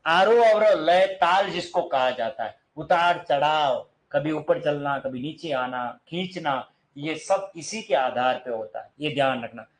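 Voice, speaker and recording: A man with a fairly high voice teaches a grammar lesson at a measured pace, barely pausing, putting questions to his class and answering them himself. He sings snatches of songs to demonstrate long vowels. The recording quality is low.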